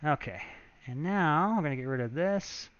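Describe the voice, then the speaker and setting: Man, game developer streaming live, chatty, thinks out loud with fillers; crisp, bright tone, dry close sound, a touch lo-fi. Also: on the high side, lively intonation, moderate pace, no room sound. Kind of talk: casual live-stream walkthrough.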